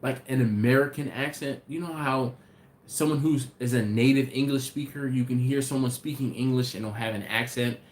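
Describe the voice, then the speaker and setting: At a normal speed and mid-range pitch, a man who hosts a barbecue channel reads out viewer comments during a relaxed live stream. His talk wanders, is aimed directly at viewers, and is full of restarts. The recording carries a roomy echo and faint ambient noise.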